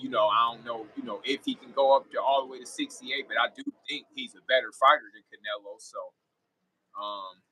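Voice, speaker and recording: A man talks as a guest commentator in a casual sports reaction video. His voice is mid-pitched, forceful and rough-edged, and he is opinionated, often doubling back on phrases for emphasis. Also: low-quality recording.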